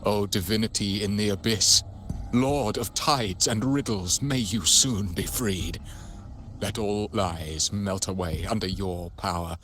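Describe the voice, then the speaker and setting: A man's voice: lowish voice, measured pace, a bit bright. A man voicing a sinister, devout male cultist noble in a video game, solemn and menacing. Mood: fervent. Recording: game audio with music behind.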